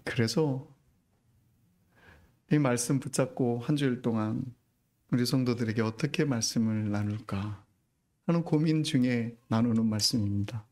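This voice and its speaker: A middle-aged man pastor preaching a sermon, moving from hushed, almost whispered lines to loud, pleading rhetorical questions. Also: medium pitch, moderate pace, long pauses.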